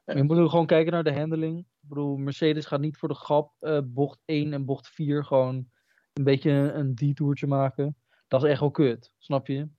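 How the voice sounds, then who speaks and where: A man's voice: fairly high pitch, flat delivery, normal speed, no echo. Crude man, dull lo-fi call. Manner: crude, swears freely, rambling. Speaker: podcast co-host. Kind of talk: casual chat. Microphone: remote call with a weak connection.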